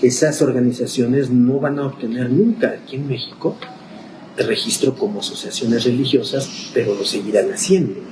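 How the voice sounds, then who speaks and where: A pastor teaches a Bible class in a church classroom, lecturing conversationally at a moderate pace with a medium-pitched voice. He thinks aloud and checks in with his listeners. The room is echoey, with clear background noise.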